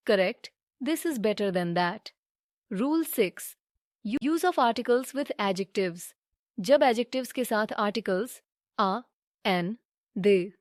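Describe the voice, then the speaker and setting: A woman teaches English grammar in a scripted lesson. She speaks at a very slow, measured pace and spells out each example sentence deliberately. Her voice is dry and close, with no room sound. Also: a little high, darkish tone, no echo.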